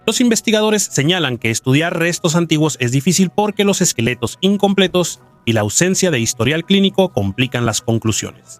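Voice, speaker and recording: A man giving scripted documentary narration in a measured, even storytelling delivery, recorded close as a voice-over. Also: a little high, no echo.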